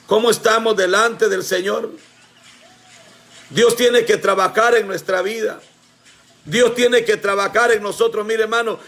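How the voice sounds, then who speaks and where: Gravelly high-voiced fervent preacher man. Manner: fervent, often shouting, addressing the congregation as brothers. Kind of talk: sermon.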